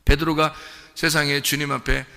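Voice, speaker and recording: A man's voice: level tone, moderate pace, creaky, bright, forceful tone. A male pastor preaching in a conversational way, throwing questions at his congregation. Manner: acts out quoted speech with rising pitch. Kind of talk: sermon. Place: church sanctuary. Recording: long church-hall reverb.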